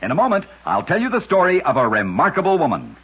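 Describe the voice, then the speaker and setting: A man with a slightly high, slightly rough voice rattles through scripted oddity stories at a quick pace, his pitch swinging hugely. He's a radio narrator with an emphatic, dramatic storytelling style, recorded on dull, lo-fi old radio audio.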